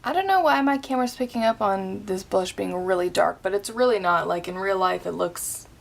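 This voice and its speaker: A woman's voice: mid-range voice, brisk, vocal fry. A young woman talking through a makeup tutorial in a chatty, rambling way, full of ums and likes. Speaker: beauty vlogger.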